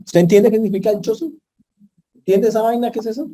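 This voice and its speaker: A man's voice: high-pitched, steady tone, fast, mellow. A male pastor, preaching a sermon in a conversational way and putting questions to the congregation. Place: church.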